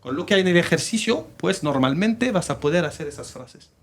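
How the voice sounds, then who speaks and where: High, lively-voiced male French teacher. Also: brisk. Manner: repeats key points, switches to Spanish to explain. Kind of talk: classroom teaching. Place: classroom with students.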